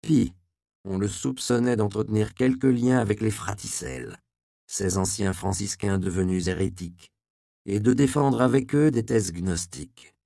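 A man reading a historical novel aloud as an audiobook narrator, with measured storytelling. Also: fairly low pitch, gravelly, mellow, dry recording, studio quality. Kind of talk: scripted narration.

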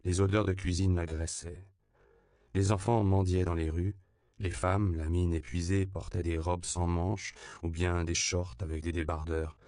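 A man reading an audiobook in even, measured scripted narration. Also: low-pitched, clean tone, no room sound, clean studio sound.

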